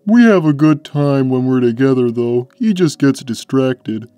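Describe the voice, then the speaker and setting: A woman voicing a big, gentle, innocent male cat in a cartoon, simple and mild in manner. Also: very deep voice, lively intonation, measured pace, dry recording, faint music behind. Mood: earnest. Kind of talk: in-character cartoon Q&A.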